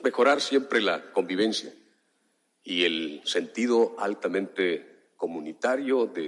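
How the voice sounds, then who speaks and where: At a relayed press conference with reverberant hall acoustics, a fifties-aged commissioner from Juchitán, Oaxaca, speaks formally. His low, fairly bright voice moves slowly and deliberately, broken by long pauses.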